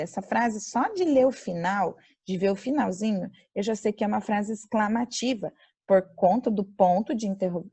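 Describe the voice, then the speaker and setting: A woman with a Brazilian accent teaching an online grammar class over a video call. She slows down to dictate example sentences and quizzes her students. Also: mid-range voice, dark tone. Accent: Brazilian Portuguese.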